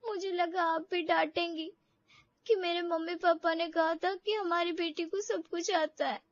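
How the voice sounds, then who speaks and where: A woman's voice: extremely high pitch, fairly even intonation, a little slow, dry recording, lo-fi sound. A woman voicing a timid young bride in a cartoon story, speaking hesitantly and respectfully. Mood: tearful. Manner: hesitant, respectful, addresses her elder as "mummy ji". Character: young new bride, timid and eager to please. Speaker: cartoon character.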